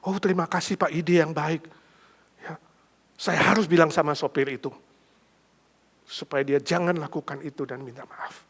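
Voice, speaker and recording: A man voicing an offended young mother in a sermon anecdote, complaining in a shrill, wounded tone. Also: steady tone, normal speed, pauses often, husky. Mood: agreeing. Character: indignant young mother insulted on a bus.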